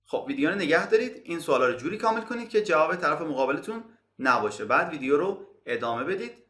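A man from Iran teaching a bilingual English lesson. He says English phrases slowly and explains them quickly. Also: a little high, sing-song, fairly bright tone, roomy sound.

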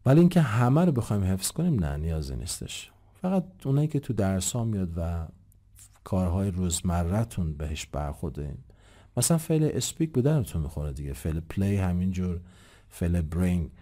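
A man's voice: low voice, big pitch swings, dark tone. A man teaching English grammar, explaining patiently and politely, asking rhetorical questions and answering them himself. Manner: addresses listeners politely and formally. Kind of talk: grammar lesson.

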